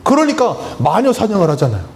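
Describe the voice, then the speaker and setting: A man's voice: sits high, huge pitch swings, fast, creaky. A man preaching a Sunday sermon as pastor, emphatic and full of rhetorical questions to the congregation. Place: church sanctuary.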